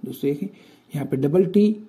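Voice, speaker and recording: A young man with a Pakistani Urdu accent, teaching a spelling lesson, explaining slowly and repeating words as he spells them out. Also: a little high, dark tone. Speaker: tutor. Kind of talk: casual spoken lesson.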